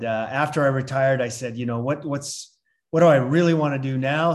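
An older man from Canada, a retired consultant turned coach, talking reflectively in a relaxed interview with many "uh"s and restarts. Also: mid-range voice. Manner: reflective, with frequent fillers and restarts. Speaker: podcast guest, coach. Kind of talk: casual interview chat.

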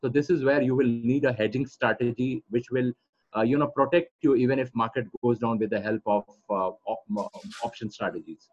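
A man's voice: mid-range voice, fairly quick, a little mellow, husky. A man with an Indian accent explaining things as a coach in an interview, repeating phrases for emphasis. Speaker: trading coach being interviewed. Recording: dull, lo-fi audio.

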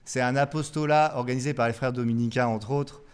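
A young man, a friar, giving an evening talk to students, lively and teasing his listeners. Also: medium pitch, a little fast, smooth. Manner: lively and joking, teasing the audience. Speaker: Dominican friar lecturing students. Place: convent lecture hall.

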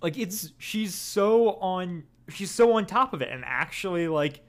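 Animated young man reviewing an episode. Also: high voice, measured pace. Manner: animated, laughing, jumps into playful quoted voices. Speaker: podcast co-host. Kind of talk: casual chat reviewing an audio drama episode.

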